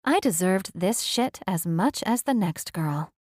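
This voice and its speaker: Woman, audiobook narrator, lowish voice, dry close mic, romance read. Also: expressive, a little slow, darkish tone, no echo.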